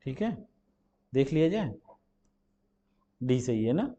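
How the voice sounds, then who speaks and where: A male teacher going through multiple-choice questions, reading the English slowly and explaining it in Hindi with rhetorical questions. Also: mid-range voice, very animated, mellow, highs cut off. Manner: asks rhetorical questions and answers them. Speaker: ITI teacher.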